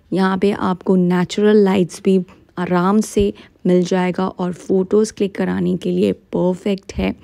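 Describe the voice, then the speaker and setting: Gravelly-voiced young woman food vlogger. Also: medium pitch, mellow, dry recording. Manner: chatty, mixes Hindi and English, slows right down on English phrases. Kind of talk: casual vlog narration. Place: outdoors on a tree-lined road, then inside a cafe. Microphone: phone at arm's length.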